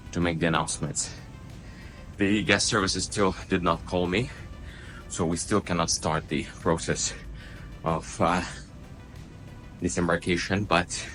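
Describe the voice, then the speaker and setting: A man's voice: sits low, a bit bright. A man chatting casually as he vlogs his working day as an assistant cruise director. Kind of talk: casual vlog chat.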